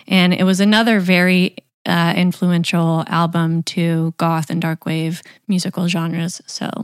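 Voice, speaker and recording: A woman's voice: on the low side, smooth, no room sound, studio quality. A woman co-hosting a music podcast, chatting enthusiastically about songs. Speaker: podcast co-host. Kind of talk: casual chat.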